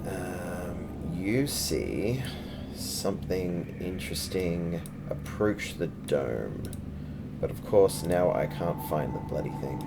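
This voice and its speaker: A man with a low-pitched voice runs a tabletop game as game master. He narrates casually and explains things to players. There is clear noise in the recording. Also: animated, slow.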